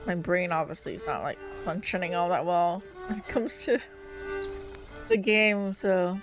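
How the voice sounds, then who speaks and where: A woman's voice: on the low side, unhurried. A young woman streamer giving casual let's-play commentary, tired and rambling with lots of fillers. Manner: chatty, rambling with many fillers. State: tired, yawning. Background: game music.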